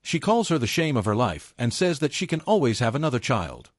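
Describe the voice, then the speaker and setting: Male narrator for a story recap, steady storytelling read, animated intonation. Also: medium pitch, a little fast, no room sound, clean studio sound.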